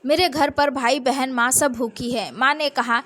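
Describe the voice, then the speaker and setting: A woman's voice: sits high, steady tone, measured pace, a bit bright. A woman reading as a poor young slum girl. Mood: pleading. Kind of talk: read-aloud story.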